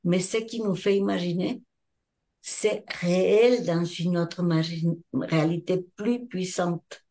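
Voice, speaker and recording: An older woman with a Mexican Spanish accent speaks slowly in a warm, mellow voice, set a little low. She explains her ideas to an interviewer in careful French that is not her first language, pausing to find words. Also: fairly even intonation. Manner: thoughtful, searching for words in French. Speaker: hypnotherapist and trainer. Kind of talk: interview answers.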